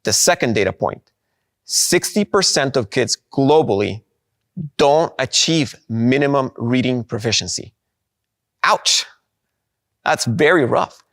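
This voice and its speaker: A man's voice: mid-range voice, animated, a bit bright, no echo, clean studio sound. Upbeat man giving a keynote. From Guatemala. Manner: upbeat, slows down to stress key points. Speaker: presenter of a product. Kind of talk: conference keynote talk.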